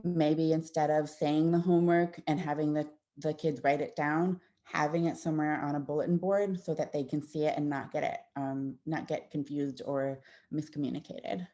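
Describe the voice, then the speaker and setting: An audiologist, a woman, talks parents through slides in a relaxed, conversational way, warm but full of fillers and restarts. Her voice is low-pitched, barely shifting in pitch, at normal speed.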